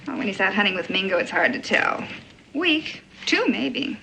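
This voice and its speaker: A woman playing a brisk, fussing frontier mother in a western drama. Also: mid-range voice, sing-song, creaky, sharp tone, slight background noise, full character voice, low-quality recording. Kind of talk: period western screen acting.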